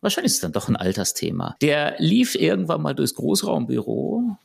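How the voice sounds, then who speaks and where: A man co-hosting a podcast, talking in a relaxed conversational way and telling anecdotes full of rhetorical questions. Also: fairly high pitch, fairly quick, creaky, slightly rough. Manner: animated, storytelling with rhetorical questions. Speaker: podcast co-host.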